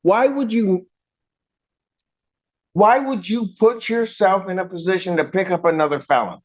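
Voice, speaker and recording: A woman at medium pitch and a measured pace speaks sternly from the bench as an angry judge, scolding bluntly and with emphasis. It's a stern courtroom address, captured in dull, lo-fi courtroom audio.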